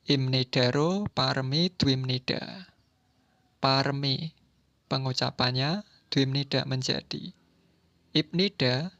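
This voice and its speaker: A man reads a textbook language lesson at a very slow, deliberate pace, giving each word and then its meaning. The recording is dry and dull, with no room sound. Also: medium pitch, fairly bright tone, no room sound. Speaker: language teacher.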